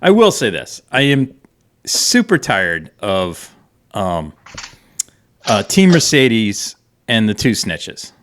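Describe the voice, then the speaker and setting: A man co-hosting a motorsport podcast, his fairly low voice swinging widely in pitch. He rambles, restarts and piles up his points in relaxed chat. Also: takes it slowly, long pauses. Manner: animated, rambling with many restarts. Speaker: podcast co-host.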